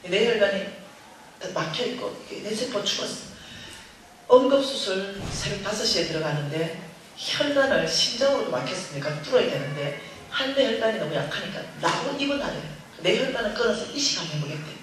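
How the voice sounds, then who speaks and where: A woman's voice: medium pitch, fairly quick, slight background noise. A woman giving a humorous testimony at a church revival, telling her story with lots of laughter and acted-out dialogue. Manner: animated storytelling, laughing often, acting out dialogue. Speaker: guest speaker at a church revival. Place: church sanctuary. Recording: echoey church hall from far off.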